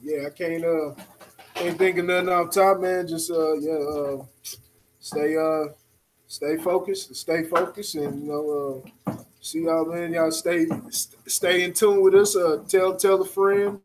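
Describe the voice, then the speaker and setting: Laid-back man with a gravelly voice. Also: on the high side, steady tone, measured pace, poor audio. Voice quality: gravelly smoker voice. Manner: laid-back, slangy, signing off the show. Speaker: podcast co-host. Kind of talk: casual podcast chat.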